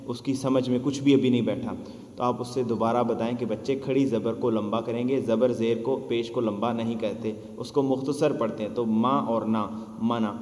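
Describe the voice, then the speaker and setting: A man leads a teacher-training lesson, explaining rules patiently and chanting stretched-out syllables to show them. His mid-pitched voice rings in a reverberant room with a long echo. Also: steady tone, darkish tone. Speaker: Quran teacher training instructor. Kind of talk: teaching lesson, demonstrating recitation.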